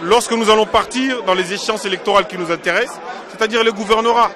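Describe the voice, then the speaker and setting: A man's voice: sits high, fast, crowd noise. A man from Congo, a diaspora political activist, answering interview questions in an emphatic, insistent way and repeating his points.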